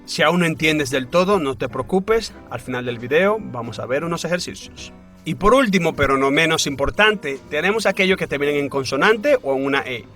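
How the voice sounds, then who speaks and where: A man's voice: on the high side, expressive, fairly bright tone, soft background music. A man teaching a grammar lesson in a scripted voice-over, explaining step by step and often asking questions before answering them. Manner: slow, deliberate explaining with rising questions. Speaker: English teacher.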